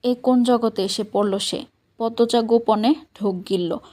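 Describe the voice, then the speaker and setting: A woman's voice: fairly high pitch, fairly even intonation, measured pace, warm tone. A woman narrating a novel as an audiobook, reading the characters' dialect dialogue in her own voice. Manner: reads all characters in one voice, dialect dialogue.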